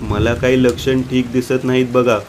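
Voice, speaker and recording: Man voicing rustic village friend, flat delivery. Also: medium pitch, moderate pace, background noise, close to an everyday voice.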